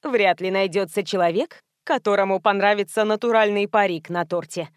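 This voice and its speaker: A calm, friendly pastry chef who explains her work plainly and with quiet amusement, played by a woman reader. Her voice stays at a middle pitch. The storybook reading is recorded dry and close. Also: normal speed, smooth, dry recording, natural voice. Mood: calm explaining.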